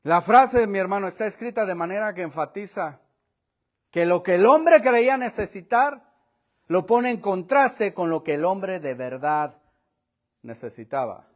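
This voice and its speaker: A high-voiced man preaching a sermon. He swings from quiet, low asides to loud, raised lines and acts out the voices of the people in the story. He laughs between points and keeps calling his listeners brother. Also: lively intonation, a little slow. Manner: preaching with dramatic shifts in pitch and volume, acting out voices. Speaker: pastor. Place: church.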